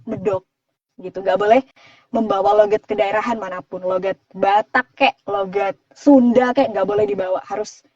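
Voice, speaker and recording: A woman's voice: mid-range voice, normal speed, darkish tone, dry recording, far from the mic, highs cut off. A woman who works as a voice-over artist, explaining her craft in casual chat and using plenty of examples.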